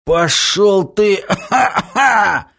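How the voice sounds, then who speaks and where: Audiobook: man voicing a young fighter, high strained shouts, hoarse coughing. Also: animated, very slow, exaggerated voice. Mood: desperate shouting. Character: desperate young male fighter captured by bandits.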